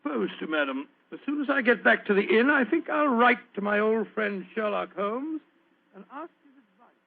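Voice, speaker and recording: An actor playing a blustering, hearty British doctor in an old radio drama, with a narrow tinny sound. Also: male voice, high-pitched, expressive, moderate pace, creaky, full character voice. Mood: concerned. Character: genial, blustering British doctor, steady and protective.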